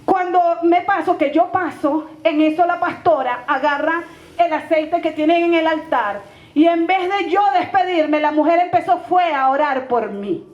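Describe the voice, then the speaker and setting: A woman pastor from Venezuela with a Venezuelan accent, fervently telling a testimony in a sermon and calling her listeners brother. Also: sits high. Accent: Venezuelan Spanish. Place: church. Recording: roomy, dull lo-fi church recording.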